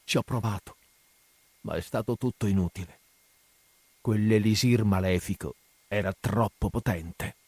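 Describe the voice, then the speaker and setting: A man narrating a dark first-person tale in a dramatic, mournful reading. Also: lowish voice, measured pace, long pauses, husky, no echo.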